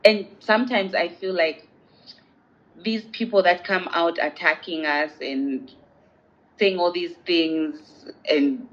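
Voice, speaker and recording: A young Zambian woman, a feminist advocate, answers interview questions in an earnest, reflective way. Her voice sits lowish and she speaks at a slow pace. The recording has a dull, lo-fi quality.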